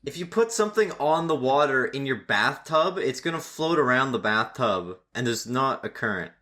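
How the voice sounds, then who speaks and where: A young man co-hosts a podcast, telling a story in a laid-back way and swearing casually, recorded on a computer mic over a voice call. His mid-range voice is expressive, pushed and bright, at a moderate pace.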